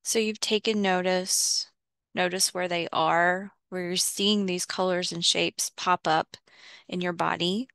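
As a guided meditation host, a woman leads a visualization in short, measured phrases, pausing between instructions. She speaks very slowly in a slightly low, somewhat bright voice with fairly even intonation and creaky fry at the edges. The recording is dry, with no room echo.

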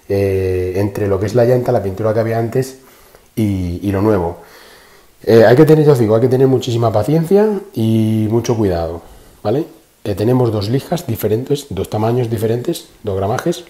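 A car channel host gives a casual how-to explanation in an indoor garage, recording on a phone held in one hand, so the audio is echoey. His voice is low and mellow, and he's chatty, repeats himself and uses a lot of fillers.

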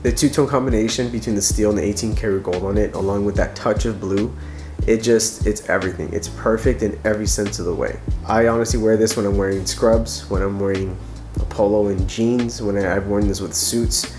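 A watch reviewer in his thirties talks to camera from a living room with a couch and evening lighting, faint music behind him. His fairly low, darkish voice is stuffy and nasal from a cold, with fairly even intonation and a slightly fast pace; he's chatty and enthusiastic, restarting often.

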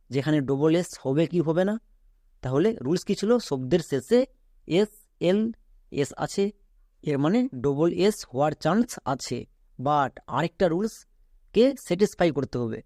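A fairly high-pitched man with a soft, mellow tone leads an online reading lesson. He spells words out one letter at a time and puts questions to his students before answering them himself. The sound is close and dry. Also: no echo. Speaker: English teacher.

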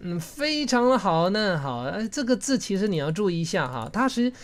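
Over a video call, a woman with a Taiwanese Mandarin accent teaches a live online English class, coaxing her students along and prompting them word by word. Her medium-pitched voice swings widely in pitch at a moderate pace.

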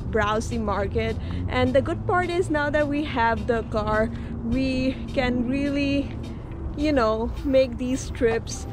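A young woman chatting upbeat and at length in a casual vlog, talking into an action camera held at arm's length in a parking lot. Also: high voice. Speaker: vlogger.

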